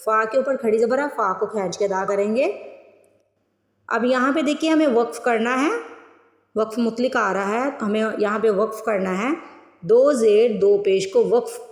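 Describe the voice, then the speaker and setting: A woman teaching Quran recitation word by word. She draws each word out slowly, then explains the rules briskly. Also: a little high. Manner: slow drawn-out recitation between brisk explanations. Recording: echoey room with long reverb.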